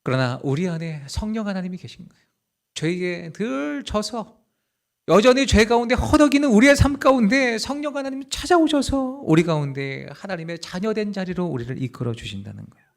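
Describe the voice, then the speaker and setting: A male pastor preaching a sermon, swinging between loud urging and hushed, slow passages. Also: high voice, vocal fry. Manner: animated, acts out dialogue in quoted voices.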